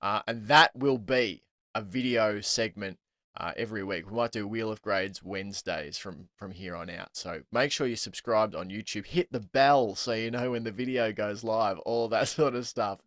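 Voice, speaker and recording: An Australian man hosting a casual sports podcast, chatty and quick to laugh, with plenty of ums. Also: fairly low pitch, fairly bright tone, no echo, clean studio sound. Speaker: podcast host.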